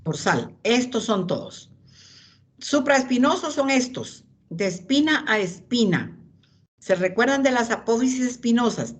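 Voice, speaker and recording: A woman's voice: on the high side, animated, a little slow. A woman lecturing anatomy, pointing out images and calling on students by name.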